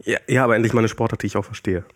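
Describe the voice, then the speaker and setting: A man's voice: fairly low pitch, fairly even intonation, rapid-fire. A man co-hosting a casual chat, rambling and joking at his own expense with many restarts. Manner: rambling, self-deprecating, lots of restarts. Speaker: podcast co-host.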